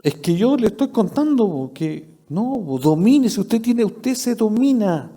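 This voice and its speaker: A man's voice: sits high, very animated, measured pace, mellow. A man with a Chilean accent preaching a sermon to his congregation in a conversational way, often putting questions to them. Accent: Chilean Spanish. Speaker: pastor. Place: church service.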